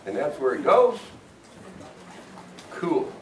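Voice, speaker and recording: A man giving a lively, playful university geology lecture to students in a lecture room. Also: on the high side, slow pace, slight background noise. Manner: animated, playful, talks to students. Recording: echoey room from far off.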